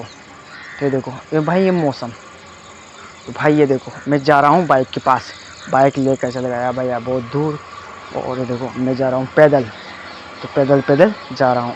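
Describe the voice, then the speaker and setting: Young man vlogging on a muddy road. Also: mid-range voice. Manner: loose, repetitive running commentary, often says "ye dekho" and "bhai". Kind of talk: casual vlog commentary. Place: muddy dirt road outdoors, on foot and on a motorbike. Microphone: phone camera. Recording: dull lo-fi phone audio with loud outdoor noise.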